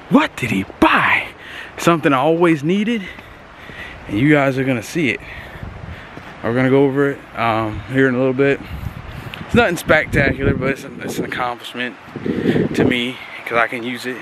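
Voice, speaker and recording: A man records a casual outdoor vlog, with wind blowing loudly across the microphone. His voice sits at an ordinary male pitch. He rambles through a walkthrough in a folksy, informal way, addressing his viewers directly. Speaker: vlogger showing equipment bought for a business. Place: outdoors on a windy day. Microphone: handheld camera, flipped between self and subject.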